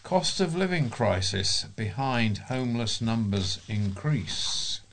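A man with a croaky, hoarse voice, reading local news in a formal, measured way as a volunteer reader. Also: medium pitch, big pitch swings, fairly bright tone, slight background noise.

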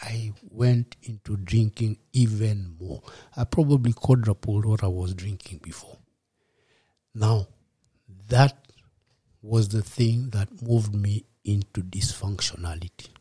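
Kenyan man in his fifties, interview guest; relaxed, reflective storytelling with a dry, close sound. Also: on the low side, husky, no room sound. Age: 50s. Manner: reflective, unhurried, slips in Swahili words. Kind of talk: personal storytelling in a podcast interview.

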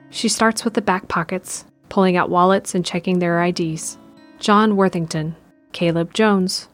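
A woman with a slightly low voice narrates a scripted drama in a measured, descriptive way, with faint music underneath.

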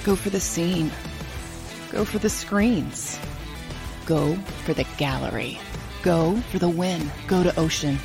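A woman's voice: on the low side, slow, creaky. A woman reading a scripted ad in a rhythmic, repeating slogan style. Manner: rhythmic, repetitive slogan delivery. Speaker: ad announcer. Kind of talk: scripted ad read. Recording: ad voice over loud music.

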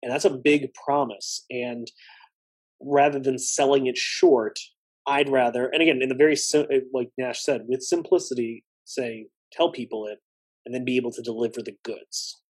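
A husky-voiced man speaks as a guest on a podcast. He talks earnestly and reflectively, often starting sentences over as he works through his thoughts. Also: mid-range voice, steady tone, moderate pace, poor audio. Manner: earnest, reflective, many restarts. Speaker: chiropractor guest. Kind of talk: podcast conversation.

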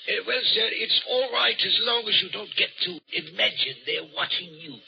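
A man's voice: high voice, animated, creaky, slightly rough, exaggerated voice. Old jittery watchman. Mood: uneasy. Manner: hesitant, halting, full of uhs. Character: old nervous waxworks watchman. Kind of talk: 1940s radio acting. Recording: dull old radio broadcast with music.

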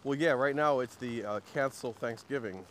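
A man riffs sarcastically through a relaxed podcast conversation, full of ums and likes. He sits at an ordinary middle pitch. A faint hiss of background noise runs under his voice. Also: moderate pace. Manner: sarcastic, joking, many fillers. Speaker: podcast host. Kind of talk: casual chat.

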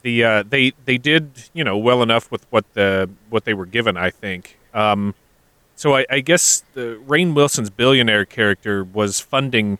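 A man's voice: mid-range voice, moderate pace, pushed and bright, smooth, no echo. A man co-hosting a casual movie podcast, hesitant and joking. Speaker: podcast co-host.

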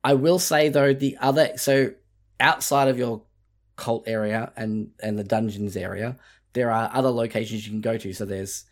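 A man's voice: mid-range voice, fairly even intonation, normal speed. A man co-hosting a casual video game podcast, talking in a loose, rambling way with many restarts. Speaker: podcast co-host. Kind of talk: casual chat.

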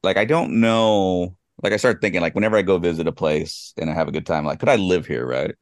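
A man's voice: low-pitched, brisk, dry recording, clean studio sound. A man co-hosting a podcast, talking in a loose, rambling way with lots of fillers and restarts. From California. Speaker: podcast co-host. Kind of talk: casual chat.

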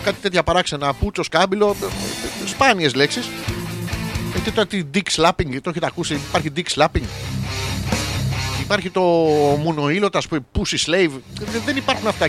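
A man hosting a radio show, reading horoscopes as a crude, rambling comic monologue full of wordplay. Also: high voice.

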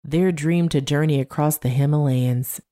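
A woman's voice: deep voice, moderate pace, dark tone, lightly acted. Brief: flamboyant old fellow, sing-song delivery, as a woman narrator puts him on. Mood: reminiscing. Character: older man, flamboyant, sing-song storyteller.

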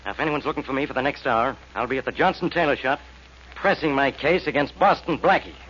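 A man's voice: mid-range voice, fast, close to an everyday voice. An actor playing a skeptical, sarcastic male police inspector in a 1940s American radio detective drama, grumbling as he talks. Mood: businesslike. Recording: muffled, noisy old radio recording.

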